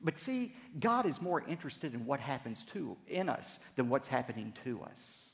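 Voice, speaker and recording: A man preaching a sermon, telling a story dramatically and rising to loud cries, then dropping low. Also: sing-song, moderate pace, vocal fry, in a large hall. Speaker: pastor.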